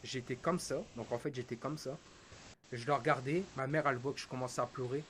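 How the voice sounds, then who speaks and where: A male streamer recounting a personal loss in halting, emotional storytelling, his voice dropping to a hush and then rising again. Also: medium pitch, fairly even intonation, poor audio. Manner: halting, quotes dialogue, swings between hushed and raised. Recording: hissy background noise.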